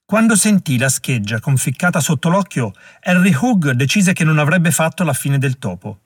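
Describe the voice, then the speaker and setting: A man narrating an audiobook in a measured way, slowing down at dramatic moments. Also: a little high, lively intonation, husky, dry recording, clean studio sound. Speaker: audiobook reader.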